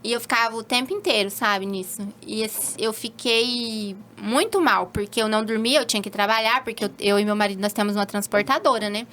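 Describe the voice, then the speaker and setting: A woman's voice: a little fast, hardly any pauses, fairly bright tone, slight background noise. Woman telling an emotional personal story. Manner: acts out quoted speech with sudden high exclamations. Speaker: holistic therapist, interview guest.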